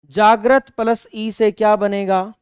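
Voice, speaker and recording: A male teacher gives an online exam-prep grammar lesson. His voice sounds smooth and resonant, with dry close-mic sound and no room echo. He poses questions, answers them himself, and repeats key words for emphasis. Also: high voice, little pitch movement, slow.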